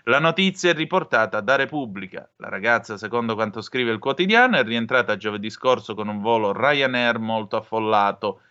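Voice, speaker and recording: A man's voice: fairly low pitch, lively intonation, fairly quick, few pauses, pushed and bright, clean tone, lo-fi sound. A man from Calabria reading news aloud, then giving opinionated personal commentary and appealing directly to his listeners. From Calabria, southern Italy.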